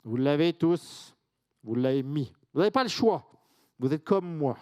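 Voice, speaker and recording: A man's voice: on the high side, lively intonation, unhurried, warm tone. A man from France giving an informal conference presentation, chatty, with asides and questions to the audience. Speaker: conference speaker.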